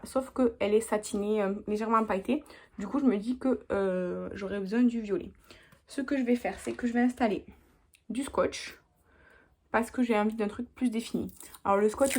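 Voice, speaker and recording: A woman's voice: fairly high pitch, a little mellow, slightly rough. Chatty young woman doing makeup. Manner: chatty, talks while working, lots of little "hop"s. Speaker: beauty vlogger. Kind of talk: casual makeup tutorial.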